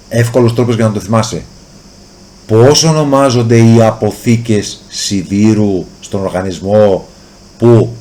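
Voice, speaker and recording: A man with a Greek accent teaching a chemistry lesson, asking questions and then answering them himself, and drawing out key words slowly to stress them. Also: on the low side, mellow. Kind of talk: explanatory lesson, addressing the student directly.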